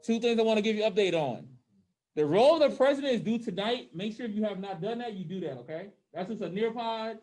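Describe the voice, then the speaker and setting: A man's voice: sits high, animated, quick pace, a little mellow, soft background music. A man teaches a class through a face mask, slightly muffled, speaking informally and often checking that everyone follows. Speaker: high school social studies teacher. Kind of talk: classroom teaching to in-person and online students.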